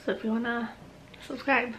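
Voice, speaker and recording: A woman's voice: on the high side, little pitch movement, moderate pace, a bit bright, a little hiss or hum, low-quality recording. A young woman from Canada chatting casually to camera for her vlog, rambling and laughing easily. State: out of breath. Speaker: vlogger.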